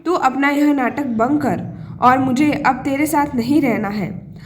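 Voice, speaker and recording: A woman voicing an angry, stubborn elderly mother-in-law who scolds in sharp retorts. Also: high-pitched, measured pace, slight background noise.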